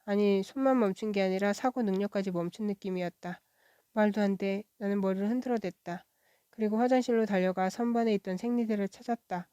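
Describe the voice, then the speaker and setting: Woman reading a kids storybook out loud, soft and even, mid pitch, dry close sound. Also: fast, clean tone, no room sound. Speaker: children's book reader. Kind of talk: storybook read-aloud.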